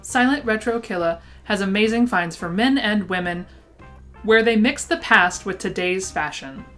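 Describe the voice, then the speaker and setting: With a lisp that turns her s slushy, a woman presents a vintage shop roundup to camera, reading a scripted list with enthusiasm over background music. Her mid-range voice is a bit bright and runs at normal speed.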